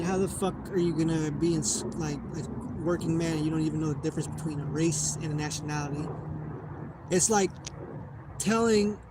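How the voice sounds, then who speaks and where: A young American man in a casual monologue, swearing a lot and rambling as he loses his train of thought. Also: fairly high pitch. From United States. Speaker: vlogger. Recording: noisy background.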